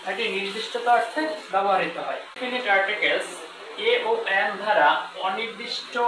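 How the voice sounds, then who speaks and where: An English teacher giving a grammar lesson, repeating each rule and reading example sentences slowly. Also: medium pitch. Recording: roomy, distant mic with faint noise.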